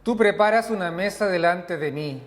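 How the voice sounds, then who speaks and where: Minister, male, high voice, solemn measured liturgy, long cathedral reverb. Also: over a noisy crowd. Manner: solemn, measured prayer reading. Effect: cathedral echo, long reverb. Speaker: minister leading worship. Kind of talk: leading a church liturgy. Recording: long echoey hall reverb.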